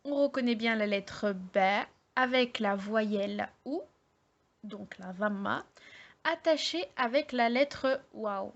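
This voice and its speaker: Slow, hesitant woman teaching a lesson. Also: fairly high pitch, highs cut off. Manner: hesitant, many fillers, explains slowly step by step. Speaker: Arabic teacher. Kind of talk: online language lesson.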